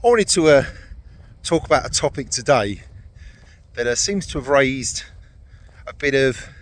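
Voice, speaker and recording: A man's voice: mid-range voice, a bit bright. A British man from the UK giving a chatty, blunt and wry vlog talk while out on a morning walk outdoors. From United Kingdom. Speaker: vlogger, veteran. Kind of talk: casual talking-to-camera vlog.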